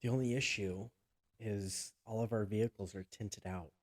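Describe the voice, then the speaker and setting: Low-voiced tired guy, dry quips on a podcast. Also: fairly even intonation, moderate pace. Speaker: podcast co-host. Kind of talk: casual chat.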